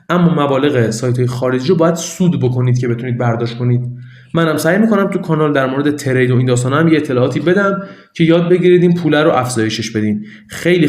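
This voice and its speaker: A man's voice: medium pitch, a little mellow, reverberant. A man walking viewers through a website signup in a chatty, repetitive tutorial. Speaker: online money-making tutor. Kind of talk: casual screen-recorded tutorial.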